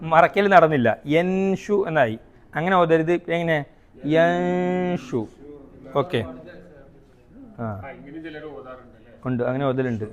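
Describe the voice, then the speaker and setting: A man teaching a recitation class. He asks his students questions, answers them himself, and sounds out each rule slowly, repeating it. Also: a little high, lively intonation. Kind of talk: classroom tajweed lesson.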